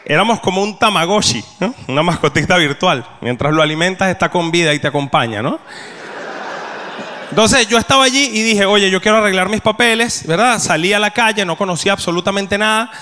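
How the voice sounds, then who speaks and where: A young adult man with a Venezuelan Spanish accent performing a stand-up comedy set, telling deadpan stories and acting out the voices of the people he meets. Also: high-pitched, fairly quick, a little hiss or hum. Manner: deadpan storytelling, acts out quoted voices. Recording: long hall reverb.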